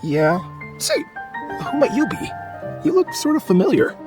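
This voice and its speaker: A man's voice: extremely high pitch, wildly swooping pitch, normal speed, music in the background, full character voice. An actor playing a nervous, chatty, hesitant young male researcher in a video game. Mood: surprised, curious.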